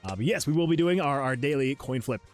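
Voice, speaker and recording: A man chats casually on his game development livestream, rambling and restarting his sentences as he sorts out his software. He laughs at himself often and keeps an easy, self-deprecating tone. He speaks into a desk microphone at a home setup, with faint music playing behind him. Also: medium pitch, expressive, quick pace. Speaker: solo game developer and streamer. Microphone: USB desk microphone.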